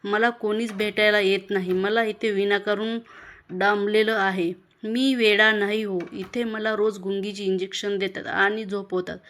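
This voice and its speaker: A woman's voice: medium pitch, fairly bright tone, natural voice. A woman voicing a desperate young man locked in an asylum, begging tearfully to be believed and set free.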